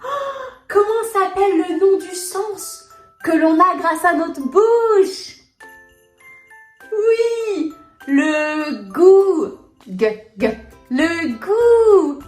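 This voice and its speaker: A woman hosting a children's learning video, talking slowly to toddlers in an exaggerated sing-song way with gushing exclamations. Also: extremely high pitch, expressive. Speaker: children's educational host. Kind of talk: slow, exaggerated talk to toddlers. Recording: roomy sound with soft background music.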